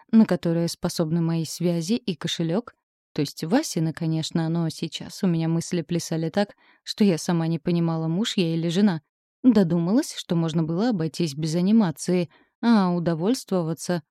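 Woman, audiobook narrator, low warm voice, lively comic storytelling, dry close sound. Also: dry recording. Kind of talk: expressive first-person audiobook narration.

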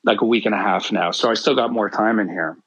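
A man talking as a guest in casual chat, candid and animated, swearing freely. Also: fairly low pitch, fast, slightly rough, dull audio.

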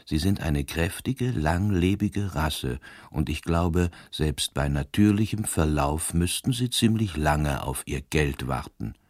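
A man reading the lines of a calm, sharp-minded old priest detective in a grave, slow voice that drops to a hushed whisper. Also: a bass voice, dry recording, clean studio sound, heavily acted. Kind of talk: scripted narration.

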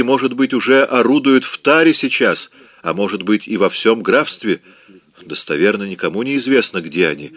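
A man's voice: fairly low pitch, a bit bright. Rhett, a self-assured commanding man, read by a man. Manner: firm, commanding. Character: self-assured man, blunt then tender. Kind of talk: audiobook reading.

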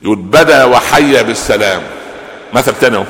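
A man's voice: mid-range voice, fast talker. A man with an Egyptian accent teaching a religious lesson, asking his listeners rhetorical questions and joking with them. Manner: lively, rhetorical questions, jokes. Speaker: preacher explaining hadith. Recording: echoey hall with long reverb.

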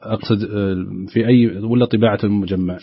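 A man's voice: lowish voice, steady tone, fairly quick, husky, dry recording. A man hosting a call-in recitation lesson, asking brief polite questions and bringing on callers. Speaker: program host. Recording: dry, dull lo-fi broadcast audio.

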